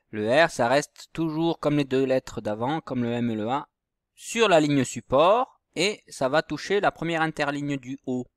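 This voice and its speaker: A man's voice: mid-range voice, clear, resonant tone, dry recording, studio quality. A male teacher patiently explaining handwriting and reading exercises step by step to young children at home. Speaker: primary school teacher. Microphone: computer mic while writing with the mouse.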